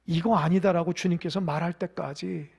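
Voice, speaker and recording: A male pastor preaching a sermon with emphatic swings from quiet to loud, leading the congregation in reading aloud. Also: on the high side, fairly even intonation, moderate pace, gravelly, breathy edge.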